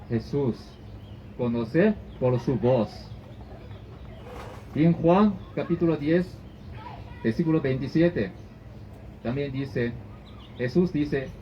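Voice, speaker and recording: A man preaching a sermon as pastor, in halting phrasing that often restarts and repeats. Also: a little high. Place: church service. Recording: dull lo-fi recording with faint noise.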